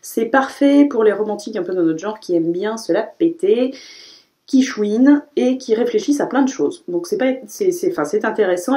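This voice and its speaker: Book vlogger, woman, mellow tone, chatty and casual, stumbles and corrects herself. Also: on the high side. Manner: chatty, self-correcting, frequent "euh" fillers. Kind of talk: casual book haul review.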